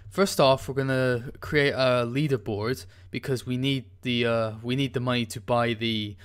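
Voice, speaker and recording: A man hosts a screen-recorded coding tutorial, his voice smooth and clean. He talks casually and hesitantly, with many ums and restarts while he types, and a keyboard clacks faintly behind him. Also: medium pitch, fairly even intonation, moderate pace. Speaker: tutorial host.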